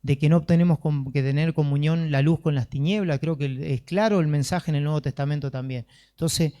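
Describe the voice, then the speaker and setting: A man's voice: a little high, steady tone, fairly quick, warm tone. A man preaching a sermon and leading a closing prayer, in an earnest, conversational way.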